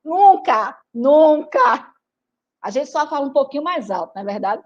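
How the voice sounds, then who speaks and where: A woman from Recife, a teacher and writer giving a lively storytelling talk and speaking straight to her audience. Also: sits high, moderate pace, dull audio. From Recife, Brazil. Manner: animated, chatty, addresses audience directly.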